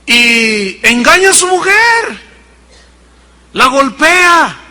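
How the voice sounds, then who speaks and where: A pastor preaching an animated sermon full of acted-out stories and rhetorical questions. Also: male voice, extremely high pitch, very slow, big-room sound.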